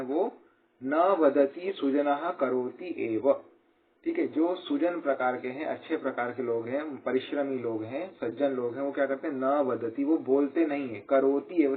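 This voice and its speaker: Guy lecturing on verses, slow careful recite, sounds like a tinny phone line w/ faint hiss. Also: mid-range voice. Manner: slow, explanatory, recites verses then glosses each phrase; repeats "ठीक है" as a check-in. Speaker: Sanskrit lecturer. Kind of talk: recorded college lecture explaining verses.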